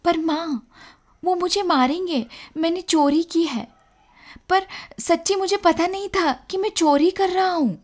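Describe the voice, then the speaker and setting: A woman's voice: on the high side, slow. An innocent, playful little boy from a children's storybook, as a woman narrator puts him on. The voice is raised and childlike. He talks in a chirpy way. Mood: pleading.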